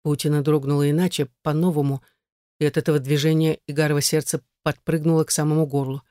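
A narrator reading a dark fantasy audiobook in a measured, dramatic way. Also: medium pitch, level tone, no room sound, studio quality.

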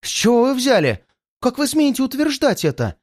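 A man's voice: a little high, sing-song, moderate pace, dry recording, studio quality. A man voicing a cold, murderous young woman who threatens and mocks in a raised, strained voice. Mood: furious. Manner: threatening, mocking, shouting in fury.

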